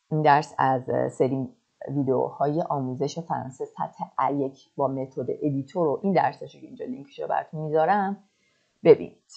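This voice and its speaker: Woman, online French teacher; warm low voice, muffled lo-fi recording. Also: vocal fry. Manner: slow deliberate French drills, quick asides. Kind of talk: online language lesson.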